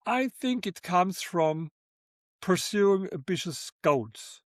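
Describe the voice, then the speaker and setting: Older German-accented man, halting, high voice. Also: animated, no room sound, studio quality. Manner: halting, repeats words, non-native phrasing. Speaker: guest author. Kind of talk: interview conversation.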